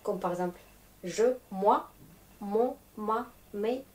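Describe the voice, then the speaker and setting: A woman with a mid-range, darkish voice speaks slowly as she teaches a language lesson in French. A Russian teacher whose first language is Russian, she guides learners patiently and clearly, step by step.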